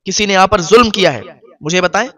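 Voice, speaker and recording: Reassuring rich man, voiced by a male preacher, high-pitched, earnest, consoling, sermon storytelling. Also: bright, forceful tone. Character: kind, wealthy man consoling a stranger.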